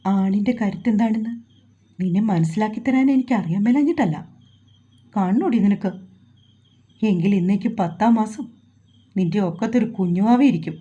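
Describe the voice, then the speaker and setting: Woman doing a young husband, taunting, domineering, husky tone, audio story. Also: medium pitch, normal speed, pauses often, warm tone, highs cut off, natural voice. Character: young husband, forceful and teasing.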